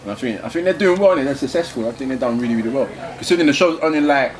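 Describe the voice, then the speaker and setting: A man's voice: medium pitch, lively intonation, very fast, noisy background. A young man, hosting a casual debate chat, laid-back and slangy, swearing often. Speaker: host.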